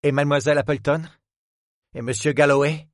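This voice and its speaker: A man's voice: fairly high pitch, steady tone, a little fast, no echo, clean studio sound, voice pushed up, close to an everyday voice. A man voicing a desperate young woman, frightened yet defiant, speaking in a raised, urgent, pleading voice.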